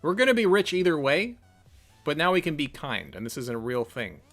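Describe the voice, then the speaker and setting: Faint music runs behind this brisk, slightly bright male voice, which sits fairly high and swings widely in pitch. Playing an interactive text game, he reads it out and talks through his decisions in a relaxed, conversational let's-play style.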